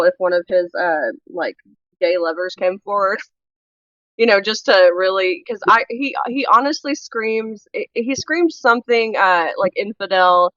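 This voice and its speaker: A woman's voice: mid-range voice, a bit bright, dry recording, lo-fi sound. A woman guest co-host in a casual true crime chat, emphatic and opinionated, rambling through her points.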